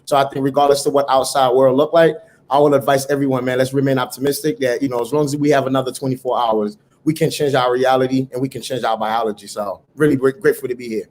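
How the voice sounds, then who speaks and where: With a steady, darkish, mid-range voice, this middle-aged Haitian man talks fast while a slight hiss or hum sits in the background. He's a startup founder sharing his story as an interview guest, in an earnest, motivational style with occasional word repetitions.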